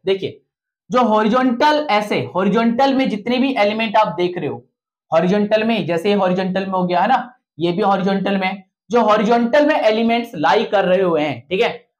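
Man teaching, quizzing his class. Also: high voice. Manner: repeats key points as questions to the class; mixes in English technical terms. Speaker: physics and maths teacher. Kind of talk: classroom lecture to students.

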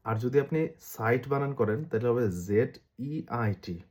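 A man with a Bangladeshi accent giving a casual lesson, repeating sounds slowly to demonstrate pronunciation. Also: medium pitch, fairly even intonation, darkish tone. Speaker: language teacher.

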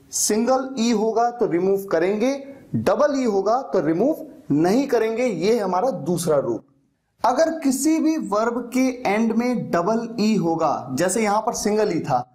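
A man's voice: sits high, a little mellow. Patient man teaching a spoken lesson. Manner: explains patiently, asks questions and answers them himself. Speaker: English teacher.

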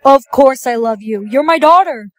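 A woman's voice: high-pitched, expressive, moderate pace. A young woman acting earnest characters in a short melodramatic social video skit. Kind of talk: acted short social video skit, playing several parts.

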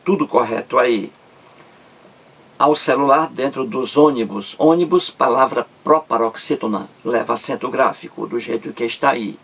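A man's voice: mid-range voice, moderate pace, gravelly, a bit bright, husky. A man teaching a Portuguese grammar lesson on video, stretching out syllables and repeating words to stress them.

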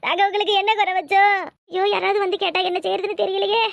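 A woman's voice: extremely high pitch, little pitch movement, fast talker, vocal fry, no echo. [name], a woman doing a scheming cartoon mother with a Tirunelveli accent. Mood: panicked lament. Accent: Tirunelveli Tamil. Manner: loud scolding, theatrical lament. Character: flustered village mother, sharp-tongued and scheming.

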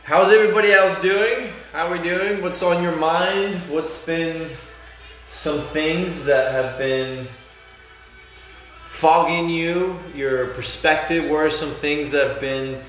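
A thirties-aged Argentinian life coach chats casually with viewers on a phone livestream from his bright living room, reading out their comments in an earnest, encouraging way. His voice is fairly high and a bit bright, with a steady tone and measured pace. The phone sits at arm's length, and the very echoey room carries faint music.

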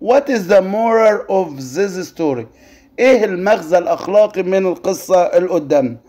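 Male Egyptian teacher, higher pitch, warm mellow tone, careful drawn-out classroom delivery. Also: animated. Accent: Egyptian Arabic. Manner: slow careful word-by-word reading, drawn-out model pronunciation. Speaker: English teacher. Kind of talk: classroom lesson explanation.

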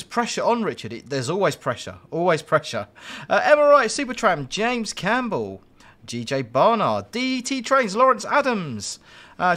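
Lively bright-voiced man hosting a stream. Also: high-pitched. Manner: chatty, jokey, rambling asides to chat. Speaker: live-stream host and train driver. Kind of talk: live-streamed gameplay commentary.

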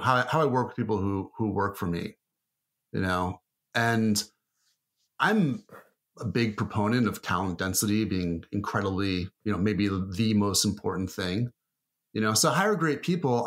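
A marketing guest rambles through a casual podcast interview, his loose talk packed with fillers and restarts. His voice is lowish and a bit bright.

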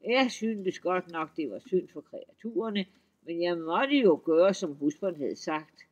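A man's voice: high voice, animated, highs cut off. A man voicing a sly young farmhand who answers politely and innocently, read in a folk-tale audiobook. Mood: dutiful. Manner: mild, polite, mock-innocent.

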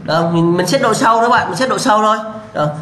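Speaking very fast in a high, bright and forceful voice, a civil engineering lecturer grills his class with rhetorical questions, hammers home key answers and bluntly cautions against mistakes. The recording has an echoey room and a faint hum.

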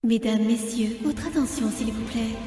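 A woman making a formal boarding announcement over a pier loudspeaker, heard from far off. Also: on the high side. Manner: formal and measured. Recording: echoey loudspeaker, far off, music behind.

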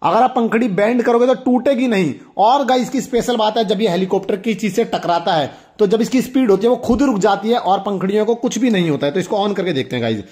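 A young male toy reviewer speaks quickly in a high, expressive, darkish voice, with hardly any pauses. His casual product demonstration for viewers is enthusiastic, full of exclamations, and repetitive.

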